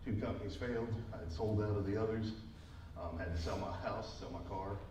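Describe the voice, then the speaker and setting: A man's voice: lowish voice, brisk. A man in his thirties telling his life story to a live audience in a casual, self-deprecating way with many fillers, a little out of breath. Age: 30s. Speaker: speaker at a business event. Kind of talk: personal testimony talk to a live audience. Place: large event hall with a live audience. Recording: echoey hall, mic far off, crowd noise.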